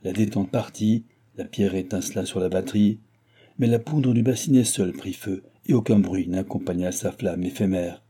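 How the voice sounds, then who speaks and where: A man with a husky voice reading a classic novel as an audiobook narrator, in a measured, grave storytelling manner. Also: sits low, dark tone. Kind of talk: scripted literary narration.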